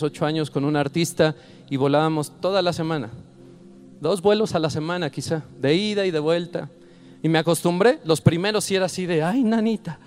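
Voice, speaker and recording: A man's voice: a little high, darkish tone. A man preaching a sermon. He tells a personal story and builds to fervent exhortation.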